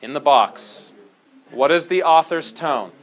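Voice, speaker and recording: A male history teacher lecturing his class in a classroom. His voice sits a little high, and he talks in an animated, jokey way. He keeps slipping into dramatic storytelling. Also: takes it slowly.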